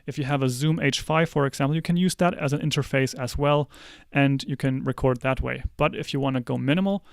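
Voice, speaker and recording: Clear-voiced man explaining mics. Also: on the high side, no room sound. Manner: relaxed explanatory, with small restarts. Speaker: tech reviewer. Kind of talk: casual product comparison talk. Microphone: close handheld-style podcast mic.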